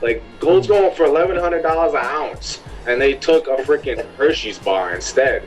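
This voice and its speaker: A man's voice: a little high, normal speed, rough recording. Chatty young man with music behind. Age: 20s. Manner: animated, heavy use of "like" fillers. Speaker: podcast co-host. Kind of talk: casual group chat.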